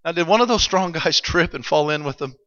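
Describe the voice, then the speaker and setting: A male preacher voicing an ancient king who is angry and astonished, shouting in disbelief, with long hall reverb. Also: a little high, expressive, brisk, dull audio. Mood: puzzled.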